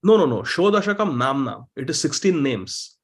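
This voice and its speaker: A man leads a scripture class, switching between Hindi and English. His voice sits a bit high for a man, and he talks slowly and patiently, pressing hard on key points. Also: big pitch swings. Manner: patient, explanatory, emphatic when making a point. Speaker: scripture teacher.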